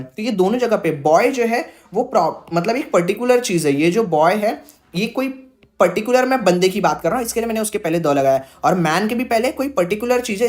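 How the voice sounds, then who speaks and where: A man teaches grammar in a loose, chatty way, circling back to repeat each point. He sprinkles English terms through his explanations and often acts out a student's doubt before answering it. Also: high-pitched. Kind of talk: casual classroom lesson.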